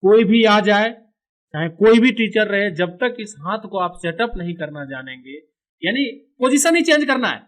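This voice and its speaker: A man from India walks through animation software one step at a time, explaining as he clicks. His voice sits high, and he keeps saying "okay" to mark each step. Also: very animated, normal speed. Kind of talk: screen-recorded software tutorial.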